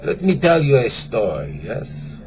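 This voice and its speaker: A man telling a joke in a put-on French accent, halting and filling gaps with "uh" and stray French words. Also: medium pitch, huge pitch swings, lo-fi sound, over music. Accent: mock French. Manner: halting, full of fillers, sprinkled with French words. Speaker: joke teller.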